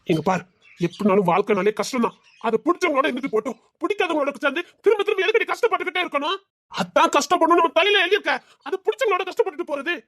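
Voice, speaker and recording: A young man pleads over and over in an audio drama, close to tears and begging not to be turned away, as a woman acts him out. The voice sits slightly high and sounds dry and close. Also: fairly bright tone, no echo. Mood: persuading. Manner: pleading, crying.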